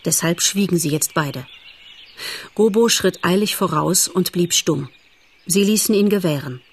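A woman narrating a children's animal story in a calm, measured audiobook style. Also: on the low side, slightly rough.

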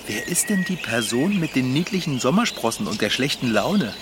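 An actor voices a confused, memory-less bike mechanic in a children's radio play, stammering and letting out nervous giggles in a bewildered mood. His mid-range voice swings widely in pitch at a moderate pace, lightly acted, over a noisy outdoor nature ambience.

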